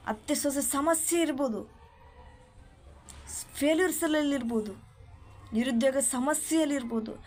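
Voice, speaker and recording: A woman preaching a sermon, talking straight to the listener and often dropping a soft hallelujah. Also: high voice. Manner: exhorting, often saying hallelujah softly; speaks straight to the listener as you.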